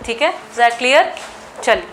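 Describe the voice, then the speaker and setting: Slow bright-voiced Indian woman teaching grammar. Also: fairly high pitch, sing-song, a little hiss or hum. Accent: Indian English. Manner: slow, drilling sentences word by word. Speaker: English teacher. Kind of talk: classroom grammar lesson. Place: classroom.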